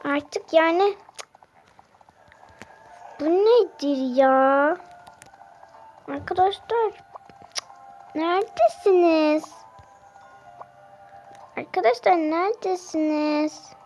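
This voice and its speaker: Child girl vlogger, very high and unhurried, repeats her questions while she plays. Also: darkish tone, faint music behind, poor audio. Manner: searching aloud, repeating questions. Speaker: game vlogger. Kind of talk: casual gameplay commentary.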